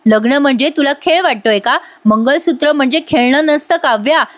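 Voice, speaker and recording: An earnest young wife and steady elder sister , read by a woman in her own high voice, firm and pleading as she lectures. The voice sits high and carries a serious, moral tone. It is a plain serial-recap reading. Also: normal speed, close to an everyday voice. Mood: stern.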